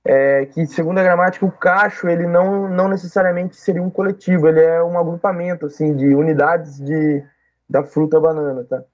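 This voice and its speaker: A man's voice: fairly high pitch, steady tone, a little fast, highs cut off. A man acting as an oral exam examiner, giving patient, explanatory feedback and checking often that he is understood.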